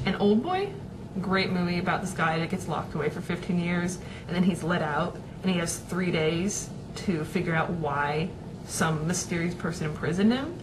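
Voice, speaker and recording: A young woman chats loosely into a desk webcam from a small room at home, drifting between thoughts with plenty of fillers and restarts. Her voice sits slightly low for a woman. A clear hiss runs under the recording. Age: young adult. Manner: rambling, chatty, many fillers and restarts. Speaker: vlogger. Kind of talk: casual webcam chat.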